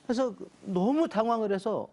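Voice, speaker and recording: A man's voice: high voice, normal speed, darkish tone. A middle-aged man, a pastor, telling a personal testimony and acting out his own quoted words. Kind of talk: personal testimony told in a talk show.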